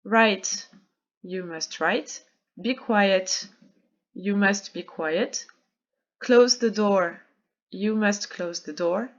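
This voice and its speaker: A woman's voice: medium pitch, highs cut off. French woman teacher explaining a lesson. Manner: slow, deliberate drilling of English model sentences, then brisk French explanation. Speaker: English teacher. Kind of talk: recorded online lesson for middle-school pupils.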